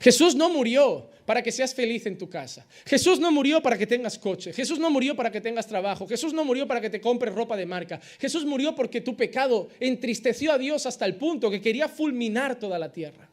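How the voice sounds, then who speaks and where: High-voiced pastor preaching. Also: male voice, lively intonation, brisk, few pauses. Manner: preaching with dramatic rises and drops; rhetorical questions and acted-out dialogues. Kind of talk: sermon.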